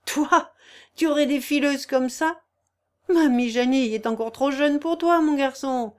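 A woman reading a novel aloud in an expressive, lively way. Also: high-pitched, a little slow.

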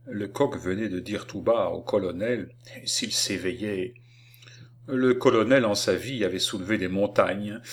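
Man narrating a classic novel. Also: on the low side. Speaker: audiobook reader. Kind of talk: audiobook narration.

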